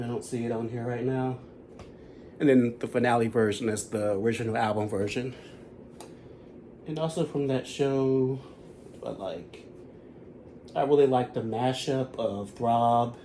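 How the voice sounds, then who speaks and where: In casual chat, a man in his 30s who vlogs about concerts gives a rambling, chatty rundown of a show he went to. His voice is mid-range and mellow, and there's a little hiss or hum.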